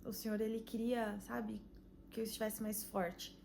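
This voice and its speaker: Earnest Brazilian woman, fairly high voice. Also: little pitch movement, creaky, mellow, a little hiss or hum. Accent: Brazilian Portuguese. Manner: earnest, emotional, many pauses and "sabe?" tags. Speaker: channel host giving a faith testimony. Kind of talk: personal testimony vlog.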